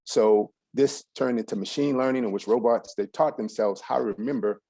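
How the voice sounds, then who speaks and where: Here the middle-aged San Antonio man sounds warm and mid-range, slightly breathy, speaking at normal speed in a dry recording. He addresses an audience in a loose, rambling way with lots of ums and restarts.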